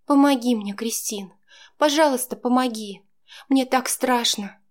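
A woman's voice: on the high side, unhurried, pitched above the performer's own voice, close to an everyday voice. A woman voicing a frightened young woman who pleads and sobs in an audiobook. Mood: tearful pleading. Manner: pleading, sobbing.

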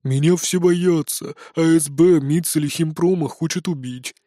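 A reader voicing a timid young man turned mushroom creature, speaking low, slow and sheepish. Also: steady tone, warm tone, dry recording, studio quality, natural voice. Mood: sheepish, mumbling.

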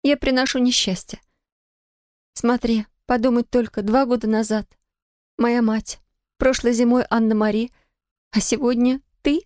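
A woman's voice: steady tone, measured pace, pauses often, a little mellow, dry recording, clean studio sound, natural voice. A woman reading an audiobook, voicing a distraught young woman who pleads through tears in a raised voice. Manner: high pleading tearful outbursts. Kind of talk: audiobook character voice.

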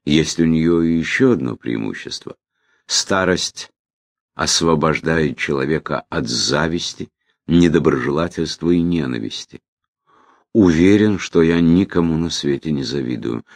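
A man reading a reflective memoir as audiobook narration, in a measured way with phrase ends that trail off. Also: rumbling low, animated, vocal fry, dry recording.

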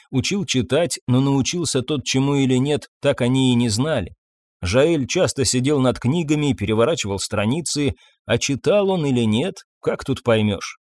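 A man narrating an audiobook in a measured storytelling manner. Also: medium pitch, a little mellow, dry recording. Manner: measured storytelling, voices figures himself. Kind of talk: scripted narration.

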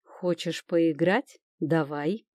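Woman putting on a low teasing demon lover. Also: a little mellow, no echo, clean studio sound. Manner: low, slow, possessive growl.

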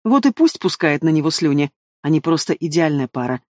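A man's voice: a little high, very animated, fairly quick, darkish tone, no room sound, clean studio sound. A man reading an audiobook, voicing a spiteful, scornful queen who hisses her threats. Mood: scheming. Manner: hissing, scornful. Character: spiteful hissing queen, cruel stepmother.

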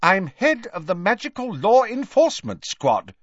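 A man's voice: high voice, huge pitch swings, moderate pace, husky, no room sound, dull audio, voice pushed up, exaggerated voice. A man voicing a firm, polite wizard official in an audiobook, speaking formally and sternly.

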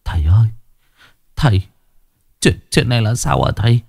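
A man's voice: on the low side, sing-song, takes it slowly, mellow, dry recording, clean studio sound. A man voicing a terrified wealthy middle-aged man who stammers and pleads on the edge of tears in a spoken ghost story. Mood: panicked pleading.

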